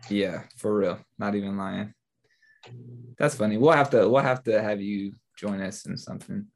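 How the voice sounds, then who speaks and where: A man's voice: lowish voice, normal speed. A man co-hosting a casual podcast, talking in a laid-back, slangy, unbothered way. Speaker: podcast co-host. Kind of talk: casual chat.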